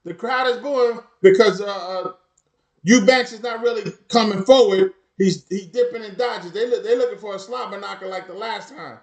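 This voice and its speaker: A man's voice: high-pitched, normal speed, a little mellow, reverberant. A man hosting a live boxing watch party, commentating emphatically and repeating his phrases over and over.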